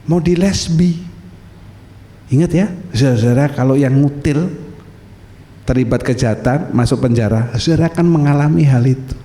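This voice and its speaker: Male pastor, middle-aged, with a warm, relaxed storytelling sermon voice. The recording is roomy and echoing, made in a church. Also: medium pitch. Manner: conversational storytelling preacher, drawn-out emphatic phrases. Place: church sanctuary. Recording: reverberant church hall.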